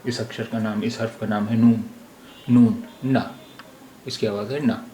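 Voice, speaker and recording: A man teaching a language lesson. He speaks slowly and says each word several times. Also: fairly low pitch, fairly even intonation, warm tone. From India. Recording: roomy echo, faint background noise.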